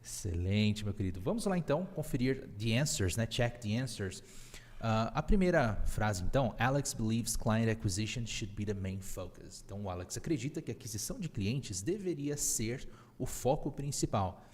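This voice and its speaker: A man's voice: lowish voice, lively intonation, normal speed, darkish tone, long reverb tail. A man with a Brazilian Portuguese accent hosting a live online English lesson, upbeat and teacherly, mixing English phrases into his explanations. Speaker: English teacher and podcast host.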